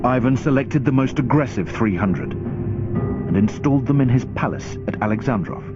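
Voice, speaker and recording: A man's voice: medium pitch, expressive, moderate pace. A man reading scripted, dramatic history narration for a documentary. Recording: slightly dull sound, loud music behind. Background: loud background music.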